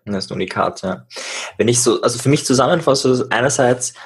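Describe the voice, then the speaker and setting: A man hosting an interview who calmly sums up what his guest has said. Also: medium pitch, a little fast, breathy edge. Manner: calm, summarizing, frequent quiet backchannels. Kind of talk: interview conversation.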